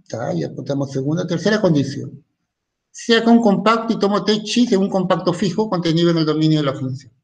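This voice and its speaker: Lecturing man, high voice, asks "¿no?" a lot. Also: expressive, fairly quick, gravelly. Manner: thinks aloud, stops himself often to ask "¿no?". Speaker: math lecturer. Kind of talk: recorded university math lecture.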